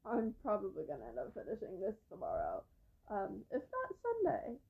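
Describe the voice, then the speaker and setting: A woman's voice: a little high, huge pitch swings, normal speed, creaky, husky, phone-quality sound. A young woman chatting casually about books she has read, rambling with lots of fillers. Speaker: book reviewer. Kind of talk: casual book review vlog. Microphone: phone camera.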